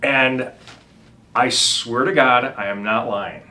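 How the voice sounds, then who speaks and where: A man's voice: mid-range voice, slow pace, pushed and bright. A middle-aged man, a home inspector, telling rambling anecdotes with lots of ums and restarts in a casual chat. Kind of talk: casual storytelling.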